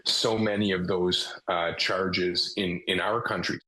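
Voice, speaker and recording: A man, a defense lawyer, speaking deliberately and in a measured way in an interview clip. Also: sits low, fairly even intonation, bright, forceful tone, rough recording.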